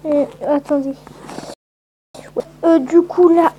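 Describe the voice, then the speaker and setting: A woman's voice: sits high, fairly even intonation, slow, dark tone, muffled recording, a little hiss or hum. A woman giving casual, rambling let's-play commentary with lots of hesitant fillers. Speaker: gameplay commentator.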